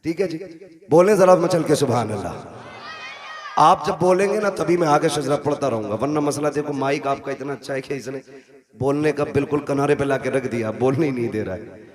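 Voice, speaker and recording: A man's voice: medium pitch, fairly quick. A man preaching a religious sermon to a live gathering, telling a story and coaxing the crowd to call out. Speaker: Islamic preacher. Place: mosque gathering with PA system.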